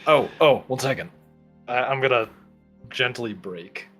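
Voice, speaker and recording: A man's voice: medium pitch, measured pace, fairly bright tone, soft background music. A playful man joking in and out of character as a player in a tabletop game. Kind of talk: casual, joking in-character play.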